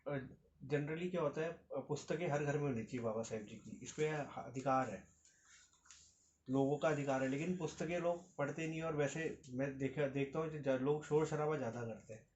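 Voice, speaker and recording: A man's voice: fairly high pitch, normal speed, a little mellow. A man conducting an interview, his slightly raised voice circling through long, hesitant questions. He sounds like he is in a roomy, echoey space. The recording is dull and lo-fi, with faint noise underneath. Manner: hesitant, rambling questions with fillers.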